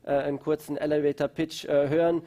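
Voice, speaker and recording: A man's voice: a little high, flat delivery, quick pace, mellow. A man hosting a live-streamed festival talk, hesitant and full of fillers. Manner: hesitant, many fillers, switches between German and English. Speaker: festival co-founder and host.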